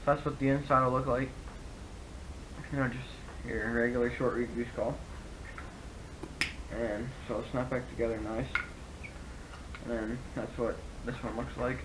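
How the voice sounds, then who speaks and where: Man giving a casual review, noisy rumbly recording. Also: little pitch movement, moderate pace, pauses often. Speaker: hunting gear reviewer. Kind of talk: casual product review to camera.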